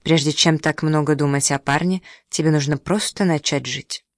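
A woman's voice: low voice, fairly even intonation, normal speed, dry recording, clean studio sound, lightly acted. A reader voicing a restless young woman giving herself a stern talking-to, in a storybook reading. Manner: self-admonishing.

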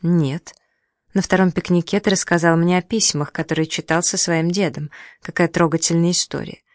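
An audiobook reader voicing a proud, sharp-tongued young woman who speaks with sarcasm and indignation. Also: on the low side, fairly even intonation, normal speed, dry recording, studio quality, close to an everyday voice. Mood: sarcastic. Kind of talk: audiobook dialogue.

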